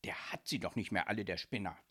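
A man voicing a cheeky boy in a children's audiobook, making hushed, scoffing asides. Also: low-pitched, fast, breathy edge, voice pushed down. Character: cheeky boy, low muttering.

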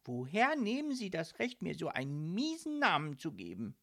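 A woman voicing a young female mussel in a children's audiobook, speaking in an indignant, whiny and expressive way. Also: fairly high pitch, takes it slowly, gravelly, full character voice. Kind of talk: audiobook character voice.

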